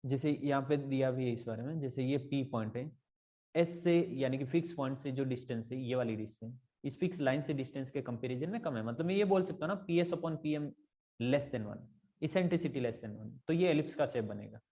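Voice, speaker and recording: A man's voice: mid-range voice, fairly quick, mellow. A male math tutor explaining step by step in a casual tutoring lesson, often checking whether his students follow and mixing in English math terms.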